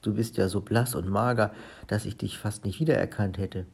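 A man's voice: fairly low pitch, fairly even intonation, moderate pace, creaky, darkish tone, slightly rough. A man doing Olli, a proud, chirpy robber's wife. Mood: pleading. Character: proud, cheerful robber's wife, adult woman. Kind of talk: storybook reading.

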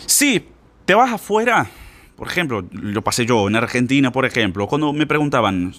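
A man's voice: moderate pace, slight background noise. A man from Brazil whose first language is Portuguese, giving a casual online Spanish lesson and acting out little scenes as he goes. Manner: lively, playful, acts out little scenes with shifting pitch. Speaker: Spanish teacher.

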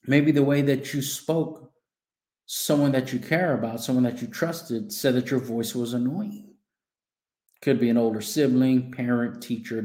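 A man's voice: medium pitch, mellow, reverberant. A man speaking as a coach, giving an earnest motivational self-help talk and asking the listener direct questions.

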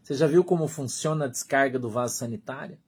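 A man preaching a sermon as pastor, in Brazilian Portuguese, emphatic, repeating short phrases and dropping to a hush. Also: mid-range voice, fast talker, husky.

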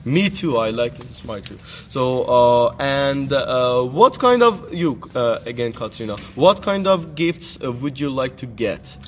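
Young male podcast host, mid-pitched, hesitant and filler-heavy, faint background noise. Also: animated, measured pace, few pauses. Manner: hesitant, many filler sounds and restarts. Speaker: podcast host interviewing teens. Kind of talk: casual interview.

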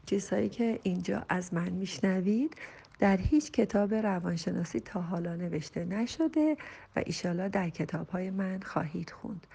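A woman's voice: medium pitch, creaky, dark tone, breathy edge. A woman family counselor reading a listener's question and answering it with earnest, emphatic parenting advice. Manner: earnest, advising, slows and rises for emphasis. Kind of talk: recorded voice message answering a listener.

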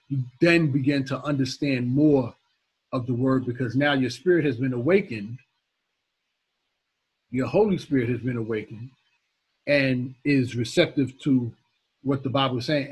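Man, very husky voice, informal Bible teaching, repeats points, emphatic, mid pitch. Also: low-quality recording. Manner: repetitive, emphatic, talks directly to listeners.

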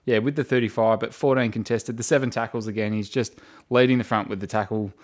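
A man's voice: fairly low pitch, fairly even intonation, fast. An Australian man co-hosting a casual football podcast from a wooden shed, talking in a thoughtful, hesitant way. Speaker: sports podcast co-host. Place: in a wooden shed in the countryside, poorly soundproofed.

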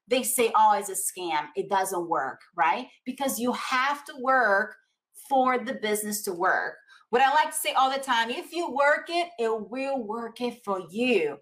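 A woman's voice: a little high, fairly bright tone. A woman with a Latin American accent giving a motivational coaching talk, speaking emphatically with repeated phrases and rhetorical questions. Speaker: network marketing coach.

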